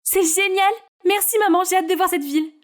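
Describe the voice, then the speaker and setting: Woman narrator puts on a bubbly storybook little sister: eager, high. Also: fairly even intonation, a little fast. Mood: excited. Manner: gushing and eager.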